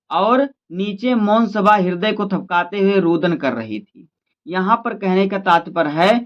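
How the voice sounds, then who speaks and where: A male teacher explaining a Hindi literature lesson, reciting verses slowly and then explaining them in quick asides. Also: sits high, highs cut off.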